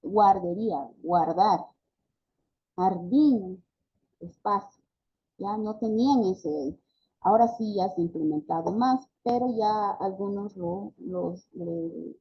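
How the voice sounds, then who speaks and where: A woman's voice: mid-range voice, slow, a little hiss or hum. A woman giving a speech therapy class, often correcting herself mid-phrase and checking in with tag questions. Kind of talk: online class lecture. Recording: dull lo-fi audio.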